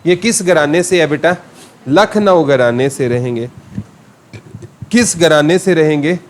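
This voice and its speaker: A man's voice: on the high side, a little slow. A man teaching a general knowledge class with a Haryanvi accent, asking questions and answering them himself. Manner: asks questions and answers them himself, calling listeners "beta". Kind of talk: classroom lecture with memory tricks.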